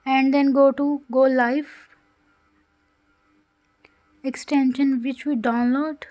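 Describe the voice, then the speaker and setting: High-pitched woman teaching. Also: flat delivery, takes it slowly, dark tone. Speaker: coding tutorial host. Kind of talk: scripted screen-recorded tutorial narration.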